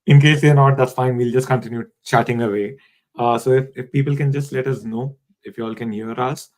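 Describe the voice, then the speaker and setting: A man's voice: mid-range voice, fairly even intonation, a little fast, a little mellow, poor audio. Man hosting a live stream. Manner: welcoming, reads out viewers' comments.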